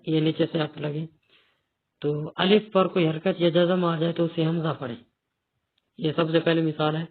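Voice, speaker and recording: A male teacher giving a step-by-step beginner reading lesson, patiently explaining and repeating key points. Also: a little high. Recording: tinny phone-like audio.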